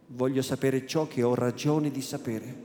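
A man voicing an angry, stubborn young village man who demands answers in a low, forceful voice, in an echoey room. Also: fairly even intonation, normal speed, a little hiss or hum, natural voice. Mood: angry demanding. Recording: echoey room, faint ambience.

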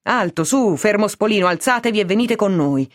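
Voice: mid-range voice, expressive, fairly quick, no echo, studio quality, voice pushed up, natural voice. A reader voicing a stern male court official, curt and commanding, with a threatening edge.

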